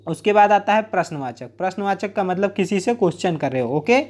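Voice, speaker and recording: A man's voice: sits high, animated, a little fast, darkish tone. A man teaching a grammar lesson, explaining plainly with everyday examples and repeating key points.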